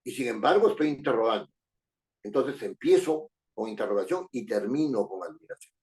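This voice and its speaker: A man's voice: medium pitch, lively intonation, brisk, a little mellow. A man with a Peruvian Spanish accent lecturing a class, often tagging his sentences with rhetorical questions and repeating phrases. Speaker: teacher.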